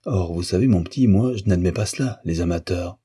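A man's voice: sits low, brisk, dark tone, breathy edge. A man voicing an angry, bitter adult male painter who hurls contemptuous outbursts. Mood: scornful.

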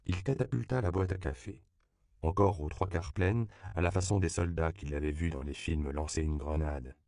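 A man narrating an audiobook in a measured, even storytelling voice, recorded close to the mic. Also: deep voice, creaky.

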